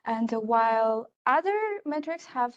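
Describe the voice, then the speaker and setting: A young research assistant from Kazakhstan presents her research in an academic conference talk. Her voice is on the high side and a little slow, and she speaks hesitantly with many fillers and restarts. The recording sounds muffled.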